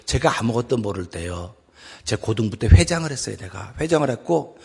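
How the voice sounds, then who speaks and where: A middle-aged male pastor preaching a dramatic sermon in a church, dropping to a hushed voice for acted prayers and rising to loud exhortation. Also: medium pitch, very animated, brisk, vocal fry, slightly rough. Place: church sanctuary.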